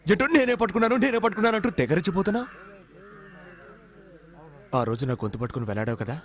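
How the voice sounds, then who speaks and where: A man's voice: high-pitched, sing-song. An actor playing a cheeky young man in jail who mocks and threatens, in a dubbed film. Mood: menacing. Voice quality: cheeky, quick-talking. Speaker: prisoner. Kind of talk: Telugu film dub.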